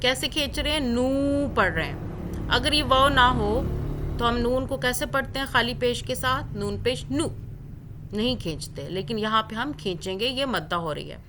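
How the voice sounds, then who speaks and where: A woman teaching Quran recitation rules step by step, drawing out the recited words slowly. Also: fairly high pitch, expressive, noisy background. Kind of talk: tajweed lesson with recited examples.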